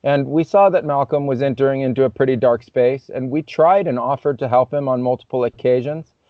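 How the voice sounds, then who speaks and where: Here a man at medium pitch talks at a brisk clip, recounting a story as a podcast guest in a relaxed, reflective manner full of "you know" fillers. No echo is present, and the sound is slightly dull and muffled.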